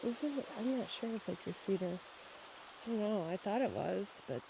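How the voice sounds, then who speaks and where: A woman's voice: medium pitch, lively intonation, normal speed, vocal fry. A woman chatting casually as she walks and narrates a video tour outdoors by a babbling creek. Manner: chatty, talking while walking. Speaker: real estate agent filming a property walkthrough. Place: outdoors on a wooded property by a creek. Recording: faint outdoor background noise. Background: outdoor ambience by a babbling creek.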